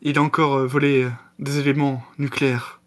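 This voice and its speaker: Guy doing an eager assistant bringing the detective a case, hesitant and kinda slow. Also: medium pitch, little pitch movement, fairly bright tone, lightly acted. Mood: urgent.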